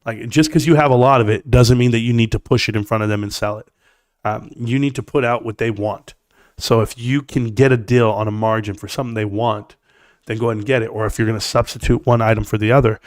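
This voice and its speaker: This stock market livestreamer, a middle-aged man, talks fast in a scratchy mid-range voice with a steady tone. He rants bluntly and emphatically to viewers, voicing strong opinions directly to the chat. The audio is clean studio sound without echo.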